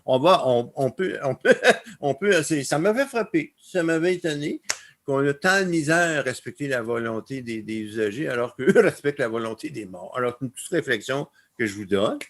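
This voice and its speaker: A man's voice: mid-range voice, moderate pace. Laughing Québécois man telling stories. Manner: laughs often, animated storytelling. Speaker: conference speaker. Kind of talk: presenting slides on a webinar.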